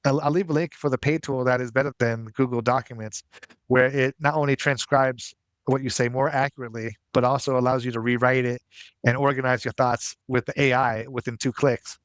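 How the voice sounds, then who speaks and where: A man's voice: medium pitch, fairly even intonation, fairly quick, no room sound. A man narrating a tutorial as its host in a casual, explanatory style.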